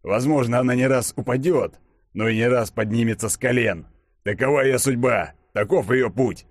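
A man voicing a seasoned, stern male chief who speaks in a gruff, measured, growling way. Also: mid-range voice, no echo, pitched above the performer's own voice, lightly acted.

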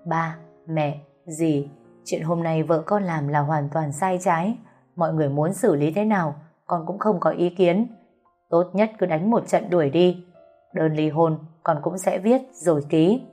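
A woman's voice: sits low, unhurried, warm tone, soft background music. A woman voicing a cold, harsh young husband in an audio story, speaking in an accusing tone.

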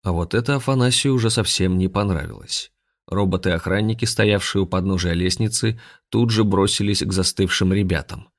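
A man reading a storybook aloud in an even, measured way. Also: low voice, no echo, studio quality. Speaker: audiobook narrator. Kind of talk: scripted storybook narration.

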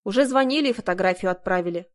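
A woman's voice: mid-range voice, animated, fast talker, close to an everyday voice. A woman voicing a stern, weary male police investigator with a dry, tired manner, read for an audiobook.

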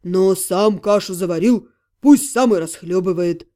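A woman voicing a good-natured male half-gnome friend who scolds gently and coaxingly, in an audiobook. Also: fairly low pitch, measured pace, pitched below the performer's own voice, close to an everyday voice. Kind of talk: audiobook character voice.

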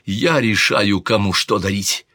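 A man's voice: lowish voice, measured pace, bright, forceful tone, dry recording, clean studio sound. A man voicing a hot-tempered young king who snaps irritably in an audiobook reading. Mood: stern. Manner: irritable, curt.

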